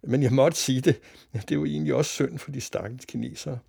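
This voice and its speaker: A man's voice: mid-range voice, steady tone, creaky, a little mellow, husky, voice pushed up. A man voicing a flustered male TV newsreader in a read-aloud children's story, hesitant and stammering with many fillers.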